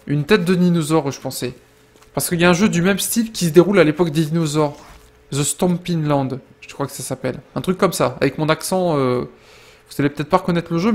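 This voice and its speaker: Young male gamer, a bit higher-pitched, casual rambling let's-play commentary, loud outbursts in fights. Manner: chatty, rambling, addresses viewers directly; bursts into loud exclamations during fights. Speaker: gaming video creator.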